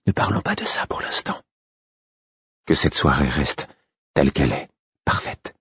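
A man voicing a tender, sleepy young woman in a whispered role-play, speaking in a soft, hushed murmur. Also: extremely low pitch, level tone, normal speed, breathy edge, dry recording, dull audio, exaggerated voice.

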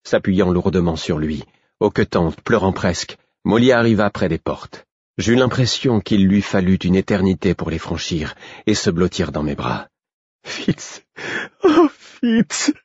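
A man reading a first-person story aloud in measured audiobook narration. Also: deep voice, darkish tone, slightly rough, dry recording, lo-fi sound.

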